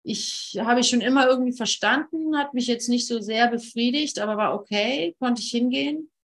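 A woman leading an informal spiritual teaching session, talking earnestly and emphatically, often repeating phrases and pausing. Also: a little high.

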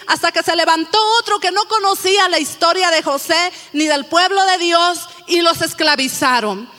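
A woman's voice: very high voice, sharp tone, big-room sound. A woman pastor from Bolivia with a Bolivian Spanish accent, preaching a fervent sermon and stretching out stressed words.

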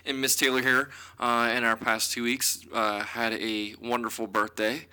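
A man co-hosting a casual podcast in a halting, stop-and-start way, sounding like he is inside a concrete bunker, in an apartment with hard walls and floors. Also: little pitch movement, pushed and bright, smooth. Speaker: podcast co-host. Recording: boomy hard-walled room, like a concrete bunker.

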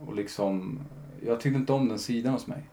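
A man's voice: medium pitch, warm tone. A man, a podcast guest, telling his own story in a candid, reflective way, often retelling conversations with lots of fillers.

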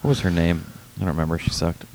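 A man's voice: sits low, quick pace, darkish tone. A man in casual chat, telling stories bluntly in the present tense with a bit of swearing.

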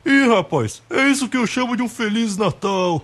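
A man's voice: high voice, expressive, moderate pace, background noise. A man playing a jolly, earnest Santa Claus in an amateur radio drama, speaking formal, exclamatory Brazilian Portuguese. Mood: jovial, reassuring.

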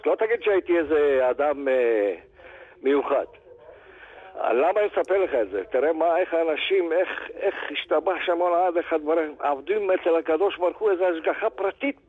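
An older man and grandfather calling in to a radio show, telling a story in an animated way and acting out the dialogue. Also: fairly high pitch, breathy edge. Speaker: caller. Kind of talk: phone-in storytelling. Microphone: telephone. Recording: tinny phone line.

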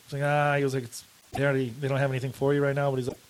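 A man's voice: mid-range voice, level tone, rapid-fire. A man in his twenties with a whiny voice, a comedian guest on a podcast, rambling through stories full of fillers and swearing. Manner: rambling, profane storytelling with many fillers. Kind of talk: casual podcast chat.

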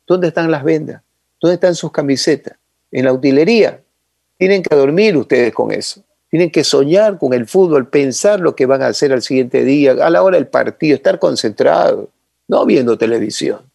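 A demanding football coach lectures his players bluntly, as a man quotes him. The voice has a gravelly texture. It sounds close and dry, with no room sound. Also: on the high side, lively intonation, normal speed, a little mellow, dry recording, full character voice. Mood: lecturing. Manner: lecturing, scolding.

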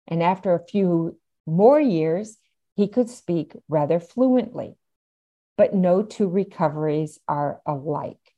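A middle-aged or older woman appears as a podcast guest, an aphasia advocate who lays out her explanations with emphatic stress on the main points. She has a mellow voice pitched fairly low.

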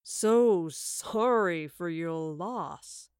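A woman voicing a cruel, sly male villain who taunts in slow, purring, gloating tones. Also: lowish voice, clear, resonant tone, no room sound, studio quality, natural voice. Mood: taunting.

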